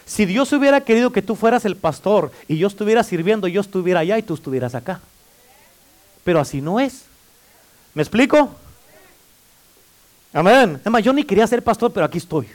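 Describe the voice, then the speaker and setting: A male pastor with a high-pitched voice delivers a lively sermon in church. He calls out for amens and playfully teases his listeners as he preaches. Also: brisk, long pauses. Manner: preaching with call-and-response amens; playful, teasing the congregation.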